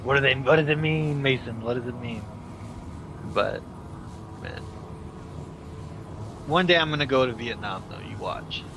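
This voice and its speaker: A young man streams from a noisy outdoor street, joking and teasing in casual chat. His mid-range voice is unhurried and full of pauses, and he laughs often and keeps restarting his words.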